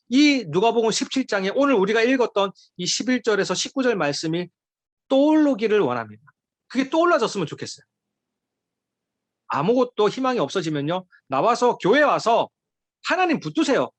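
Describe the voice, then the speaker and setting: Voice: mid-range voice, no room sound. A preacher giving a sermon to a youth group, emphatic and pleading, with many rhetorical questions.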